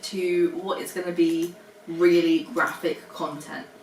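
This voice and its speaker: A young woman talks casually and reads aloud on a livestream, animated and a bit self-mocking. She sits far from the mic in an echoey room, with faint noise in the background. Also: lowish voice, unhurried. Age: young adult. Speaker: co-host reading fan fiction.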